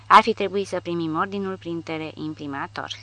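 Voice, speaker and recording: A woman's voice: fairly low pitch, bright, forceful tone. A woman reading the lines of a grumbling, skeptical older male soldier in an audiobook. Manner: grumbling, doubtful.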